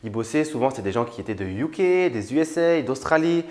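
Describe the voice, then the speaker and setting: A man's voice: mid-range voice, lively intonation, brisk, a little mellow. A young man from France talking casually to the camera as a YouTuber, informal and familiar with the viewer, with frequent fillers. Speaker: YouTuber on money and online business. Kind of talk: casual direct-to-camera talk.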